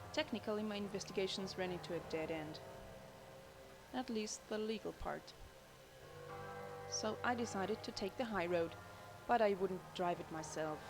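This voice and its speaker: Voicing an ambitious, cool-headed young insurance fraud chief, a young woman narrates the opening of a game over music. Her mid-range voice sounds close to everyday speech, and her delivery is cynical and matter-of-fact.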